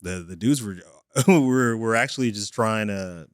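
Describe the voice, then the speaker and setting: Laid-back low-voiced man. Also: no room sound, studio quality. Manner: laid-back, drawn-out musing with fillers. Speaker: podcast co-host. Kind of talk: casual conversation.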